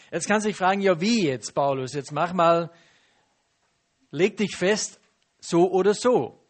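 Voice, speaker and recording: A man preaching a teaching sermon, lively and asking the listeners questions. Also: sits high. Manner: lively, asks the audience questions and acts out quotes.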